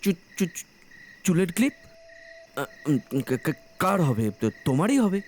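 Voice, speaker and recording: A man's voice: medium pitch, sing-song, a little fast, darkish tone, slight background noise. A man playing a cornered guilty husband. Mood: defensive. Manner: stammering, defensive. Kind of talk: web series acting.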